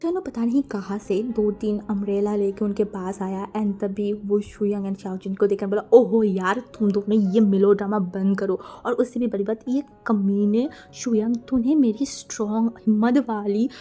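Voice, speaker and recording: Chatty woman narrating with a dark tone. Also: medium pitch, moderate pace, few pauses. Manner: chatty, mixes English words into Hindi, lively voices for characters. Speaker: fan fiction narrator. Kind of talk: casual storytelling narration.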